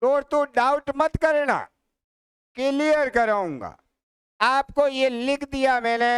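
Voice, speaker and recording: A man teaches an exam-prep maths lesson at an unhurried pace. His voice is very clear and smooth, recorded close on a dry mic. He asks the class a question, repeats it, then answers it himself. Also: very high voice, animated, fairly bright tone, dry recording.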